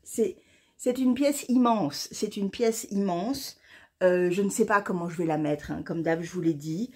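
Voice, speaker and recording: Excitable French woman chatting, slightly husky. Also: on the low side, normal speed. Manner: excited, rambling, stumbles over words. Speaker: knitting vlogger. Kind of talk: casual chat to camera.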